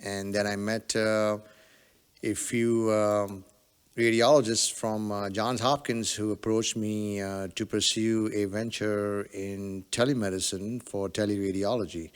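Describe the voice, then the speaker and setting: Low, smooth-voiced man with long reverb. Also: flat delivery, measured pace. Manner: hesitant, many fillers. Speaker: podcast guest, telemedicine entrepreneur. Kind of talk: relaxed conversational storytelling.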